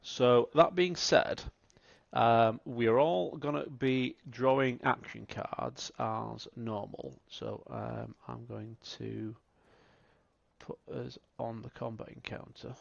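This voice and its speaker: A man running an online tabletop game as game master, talking in halting bursts with many fillers. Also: medium pitch, creaky, dry recording. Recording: dull lo-fi mic.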